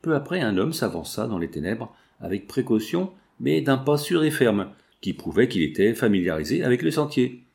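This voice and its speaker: A man reading a novel aloud in measured, steady audiobook narration. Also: mid-range voice, vocal fry.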